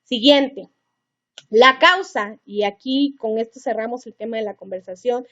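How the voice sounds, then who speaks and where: A woman's voice: on the high side, measured pace, pushed and bright. A middle-aged woman leads a parenting seminar, chatty and earnest, speaking straight to the parents listening. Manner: chatty, earnest, advice-giving, talks to the listener directly. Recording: dull lo-fi recording.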